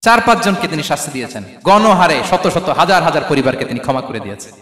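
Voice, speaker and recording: A man's voice: a little high, lively intonation, fast talker, a bit bright. A man preaching a sermon with passion, calling out questions to his listeners. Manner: impassioned, calls out questions to the crowd. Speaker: Islamic preacher. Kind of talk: Bengali waz sermon. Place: large stage event hall. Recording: echoey hall with long reverb.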